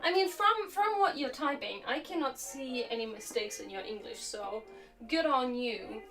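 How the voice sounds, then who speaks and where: Speaking at a moderate pace in a high voice, this young woman crafts on a live stream and chats in a relaxed, reflective way with lots of fillers. She is from Slovakia, speaks Slovak natively, and was raised in Germany; her throat is a little sore. The mic is distant, with faint music.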